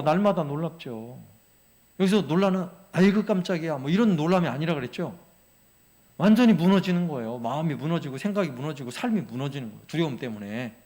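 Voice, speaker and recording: Higher-voiced Korean pastor teaching scripture. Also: male voice. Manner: engaging, asks congregation questions. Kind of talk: Bible memorization teaching. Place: church.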